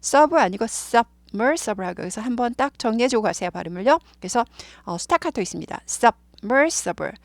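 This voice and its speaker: A woman's voice: on the high side, expressive, fairly quick, few pauses, no echo. A woman with a Korean accent teaching English words and pronunciation, repeating each word over and over for learners to follow. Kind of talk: explaining English vocabulary and pronunciation.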